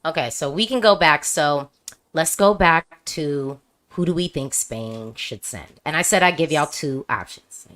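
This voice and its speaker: A woman's voice: deep voice, measured pace, a bit bright. A woman hosting a casual video-call chat, talking emphatically with frequent restarts. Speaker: host.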